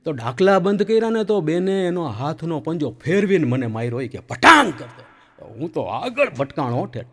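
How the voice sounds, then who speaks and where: Lively male comic telling a joke story. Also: fairly high pitch, normal speed. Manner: animated, laughing, acts out the story. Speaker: comedian. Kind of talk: stand-up storytelling.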